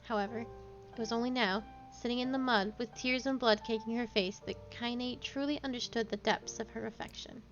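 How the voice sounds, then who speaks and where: A woman's voice: on the high side, steady tone, normal speed, highs cut off, faint music behind. Woman reading a story aloud. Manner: storytelling, small slips and self-corrections. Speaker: streamer.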